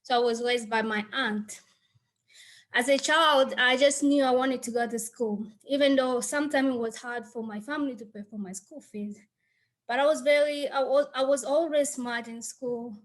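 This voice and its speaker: A woman's voice: sits high, normal speed. A woman from the Congo, a graduate, earnestly telling her story on a video call.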